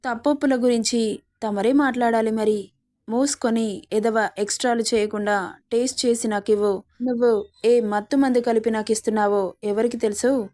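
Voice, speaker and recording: A woman's voice: fairly high pitch, fairly even intonation, moderate pace, dark tone, lightly acted. A woman reading as a cruel mocking young husband. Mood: menacing. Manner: taunting, threatening.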